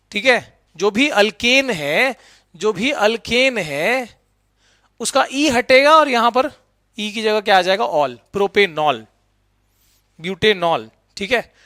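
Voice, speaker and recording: A middle-aged man teaching chemistry in a lively lecture, often checking in with "right?" and mixing English terms into his talk. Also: very high voice, no room sound, studio quality. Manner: lively, keeps asking students "right?"; mixes English terms into Hindi. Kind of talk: explanatory classroom lecture.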